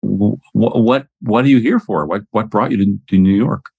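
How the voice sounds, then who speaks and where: A man's voice: on the low side, normal speed, gravelly, husky, narrow, tinny audio. A man voicing a guarded woman federal agent who answers her caller tersely and hesitantly in a tabletop game. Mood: flustered.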